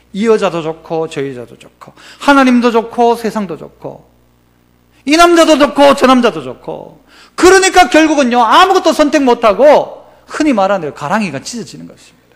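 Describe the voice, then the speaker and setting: Animated high-pitched Gyeongsang Korean pastor. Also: male voice. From Gyeongsang region of Korea. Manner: animated preaching, rising to emphatic calls then dropping low; playful, coaxes the congregation to repeat after him. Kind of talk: sermon.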